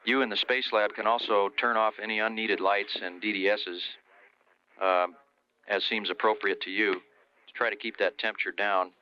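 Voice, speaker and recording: Man, low smooth voice, mission control communicator, procedural messages, over a radio, slightly muffled. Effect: heard over a radio. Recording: slightly dull radio transmission.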